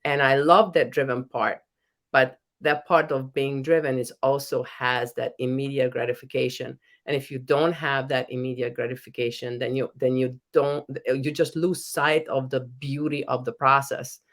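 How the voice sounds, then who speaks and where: The guest in this podcast interview is a middle-aged Hungarian woman, a professor and author with a Hungarian accent. She speaks at normal speed in a very deep voice with fairly even intonation, earnestly and with frequent sentence restarts.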